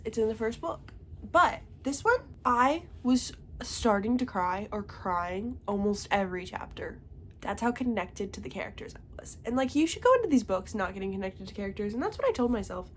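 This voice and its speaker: A young woman reviews books she has read in an expressive, chatty way, her congested voice on the high side and moving at normal speed. She often punctuates her remarks with "okay?". The clip has slight background noise.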